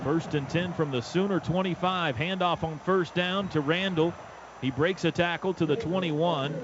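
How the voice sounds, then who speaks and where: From a stadium radio booth, a man calls a football game live in clipped, urgent phrases, his voice a little high and at normal speed. The broadcast sounds dull and noisy.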